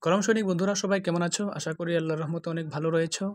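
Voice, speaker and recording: A man giving a patient tutorial, slowly drawing out each letter sound to compare two alphabets. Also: a little high, fairly even intonation, no room sound. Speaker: language teacher. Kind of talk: tutorial explanation.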